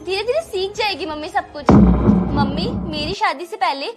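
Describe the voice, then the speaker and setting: A young woman playing a married daughter who pleads and reasons gently with her mother in a family drama. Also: very high voice, moderate pace, over loud music. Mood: reasoning. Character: married daughter defending her sister-in-law.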